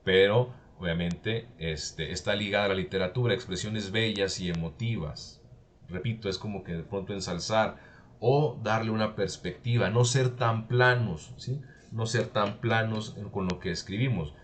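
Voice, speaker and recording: A male teacher lecturing a class, explaining step by step and often checking in with a quick "¿sí?". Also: lowish voice, slight background noise.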